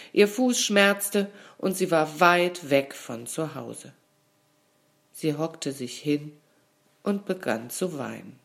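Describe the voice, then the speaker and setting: Woman narrator for a children's story, low voice, unhurried, calm and measured. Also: gravelly.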